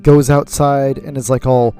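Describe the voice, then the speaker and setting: A laid-back co-host in a casual movie podcast, trading dry jokes and swearing with easy laughter. The voice sits at a middle pitch. Faint music runs underneath. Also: level tone, measured pace, warm tone. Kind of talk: casual movie recap chat.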